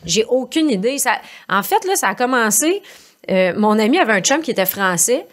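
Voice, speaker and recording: A woman's voice: fairly high pitch, moderate pace. Montreal woman, quebec french accent, podcast guest, self-mocking stories, casual. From southwest Montreal, Quebec. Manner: self-mocking, animated storytelling. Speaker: guest comedian.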